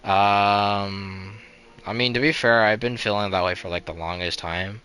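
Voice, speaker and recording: A young man with a low, bright voice chats casually, a little slowly, while live-streaming a game, and the sound is crisp and clean. He rambles in a flat, resigned tone, restarting sentences and leaning on "like" and "you know."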